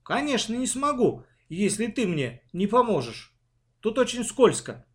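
A man's voice: high-pitched, very animated, a little slow, voice pushed up. A man voicing a bold, bossy young girl who snaps commands in a storybook reading. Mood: cocky. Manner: snappy, commanding.

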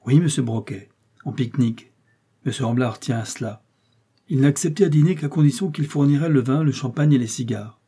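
A naive, loyal working-class fellow, read by a man chatters eagerly and takes fright easily. The voice is husky and warm, and the part is told as an audiobook. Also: medium pitch, fairly quick, lightly acted. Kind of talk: audiobook character reading.

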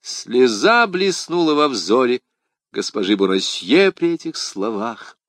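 A man narrating a historical adventure novel as an audiobook, in an expressive, dramatic reading. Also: mid-range voice, a little slow, no echo, studio quality.

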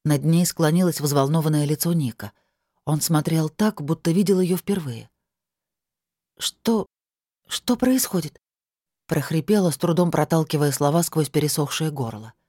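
A woman narrating a fantasy audiobook in a steady, even storytelling manner. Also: low-pitched, normal speed, no room sound, studio quality.

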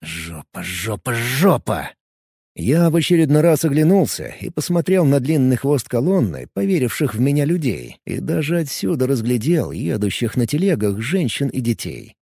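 A man narrating a fantasy novel in first person with lively storytelling. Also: mid-range voice, normal speed, vocal fry, few pauses, breathy edge, dry recording, clean studio sound. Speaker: audiobook narrator.

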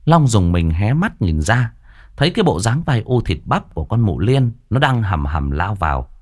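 Lively low-voiced male storyteller. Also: normal speed. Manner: dramatic, animated storytelling. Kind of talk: ghost-story narration.

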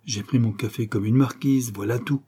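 Crafty old widow rag-picker, sly and wheedling, dark husky tone, read by a man. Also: mid-range voice, fairly even intonation, normal speed.

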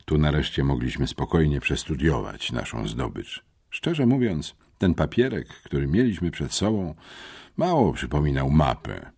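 A man narrates an adventure audiobook in the first person. His voice is very deep with a husky grain, and his delivery swings widely in pitch as he tells the story. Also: very animated, normal speed, a little mellow.

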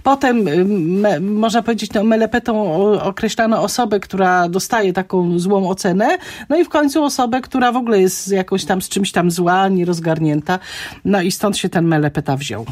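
A woman's voice: mid-range voice, normal speed, darkish tone. Female language expert guest, radio studio, patient explanatory delivery with hesitations. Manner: thoughtful, explanatory, many fillers. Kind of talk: radio chat explaining words.

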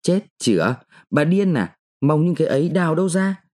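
A man's voice: on the high side, big pitch swings, normal speed, darkish tone, pitched above the performer's own voice. A male narrator voicing a blustering middle-aged mandarin husband who argues with his wife. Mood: pleading.

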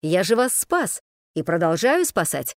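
A woman voicing a cheerful, mysterious man who teases with ironic gallantry, shifting between a brighter voice and a lower one. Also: very animated, measured pace, no room sound, clean studio sound. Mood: teasing. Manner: playful, mock-gallant, teasing.

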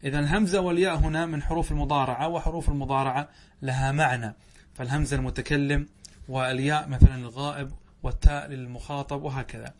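A man's voice: mid-range voice, fairly even intonation, quick pace. A man teaching Arabic grammar in a lesson, asking his own questions and answering them, often drawing out words as he explains. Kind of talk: classroom lesson.

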